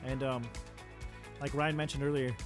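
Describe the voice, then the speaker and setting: A man co-hosting a podcast, chatting casually about football in a relaxed, rambling way with frequent ums. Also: medium pitch, normal speed, music in the background. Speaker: podcast co-host. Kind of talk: casual sports chat.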